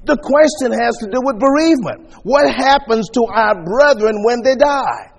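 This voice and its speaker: A man preaching a sermon at a pulpit microphone, teaching in a measured way as he walks his listeners through scripture verses. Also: very high voice, lively intonation, vocal fry, big-room sound.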